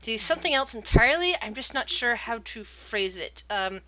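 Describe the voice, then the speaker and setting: A woman running a tabletop game as game master, improvising narration in a halting way and repeating words as she finds her phrasing. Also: fairly high pitch, expressive, pushed and bright, poor audio.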